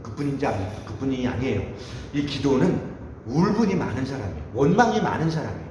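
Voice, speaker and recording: A man preaching a sermon to a youth group, animated and self-mocking, acting out the people in the story. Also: medium pitch, quick pace, slight background noise. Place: church hall. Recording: echoey hall with faint ambience.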